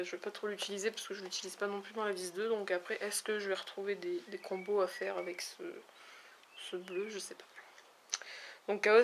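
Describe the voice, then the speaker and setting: A woman with a mid-range voice talks casually while swatching eyeshadows. She chats along hesitantly, filling pauses with small fillers. A faint noise sits behind her home recording. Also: mid-range voice. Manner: chatty, hesitant, many fillers. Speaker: beauty vlogger. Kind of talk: casual makeup swatch review. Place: at home, near a window with backlight.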